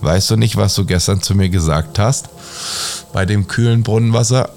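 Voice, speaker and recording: A man's voice: on the low side, normal speed, a little mellow, faint music behind, natural voice. A man voicing a pleading storybook frog. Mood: coaxing. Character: pleading male frog at the well.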